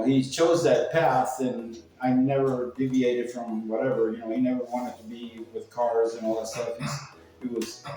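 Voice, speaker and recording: An older Cuban man with a warm, medium-pitched voice tells personal stories in a loose, salty, rambling way, acting out what people said. It's casual anecdotal talk, recorded in an echoey room on a distant mic with faint music behind him.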